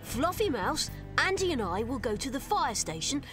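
A woman voicing an earnest young cat police sergeant in a children's cartoon, commanding but excitable and easily flustered. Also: sits high, moderate pace. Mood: brisk, determined. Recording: music bed under the dialogue.

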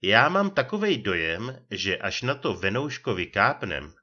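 A man voicing a gruff, blunt retired old private detective who growls his words in colloquial speech. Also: on the low side, very animated, pushed and bright, lo-fi sound, full character voice. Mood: scheming. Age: older.

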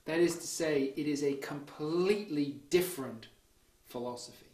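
A man delivering a university history lecture in a measured, deliberate way, often checking in with "okay" and starting points with "so". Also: a little high, darkish tone. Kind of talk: academic lecture. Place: lecture room. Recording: echoey lecture room.

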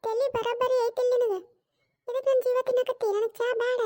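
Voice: very high-pitched, little pitch movement, darkish tone. A performer voicing a grumpy, stubborn older mother-in-law in a cartoon comedy skit, scolding in a North Karnataka Kannada accent. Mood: irritated. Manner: scolding, refuses stubbornly, drawn-out retorts.

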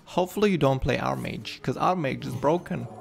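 A man's voice: mid-range voice, fairly quick, vocal fry. A young adult man streaming a video game with casual, playful commentary, repeating words, his mouth sounding slightly numb. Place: indoor room at home. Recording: game music behind the voice. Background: game music.

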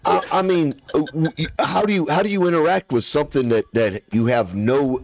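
A man chatting casually with gaming friends, animated, swearing freely and laughing often. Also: a little high, brisk, vocal fry, no echo.

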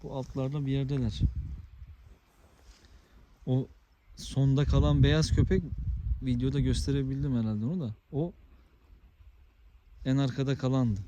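A man's voice: medium pitch, steady tone, normal speed, long pauses, noisy background. A man talking casually to camera while walking his dog on a rural village road outdoors. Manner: calls out loudly to his dog. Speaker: vlogger. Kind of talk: casual outdoor vlog narration.

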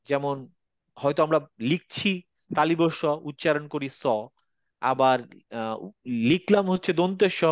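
A man teaching a class, patiently modeling each sound slowly for students to repeat. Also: fairly high pitch, no room sound. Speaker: Quran reading teacher. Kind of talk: online class lesson.

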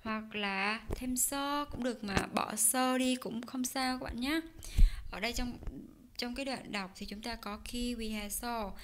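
A woman teaching a casual online language lesson, explaining slowly with many fillers and pauses. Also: a little high, noisy background. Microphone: desk mic while writing notes on screen.

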